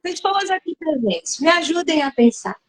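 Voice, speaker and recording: A woman hosting a live discussion, speaking reflectively and pausing to search for her words. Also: sits high, sing-song, poor audio.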